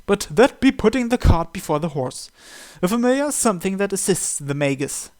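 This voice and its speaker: Working line by line through a visual novel's first-person story script, a man hosting a gaming series reads it aloud fairly quickly. His somewhat high voice has a darkish tone and swings widely in pitch.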